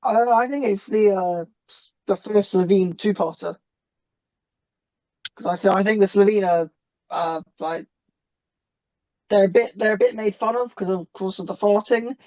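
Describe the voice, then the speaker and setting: A man's voice: high-pitched, a little slow, pauses often, a little mellow. Man on dull lo-fi audio. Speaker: podcast guest. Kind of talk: casual chat.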